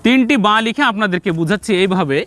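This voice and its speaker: A male Quran teacher with a Bangladeshi Bengali accent gives a step-by-step reading lesson. He repeats each point slowly and speaks straight to the viewers. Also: high-pitched, animated, a bit bright.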